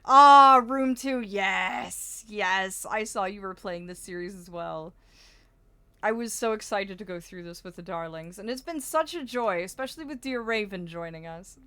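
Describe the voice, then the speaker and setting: A woman streaming a horror puzzle game, chatting casually and excitably, affectionate in a theatrical way and easily startled. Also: mid-range voice, normal speed, clear, resonant tone. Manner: theatrically affectionate, addresses people as darling. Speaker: game streamer hosting a livestream. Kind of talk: casual livestream chat while playing a puzzle game.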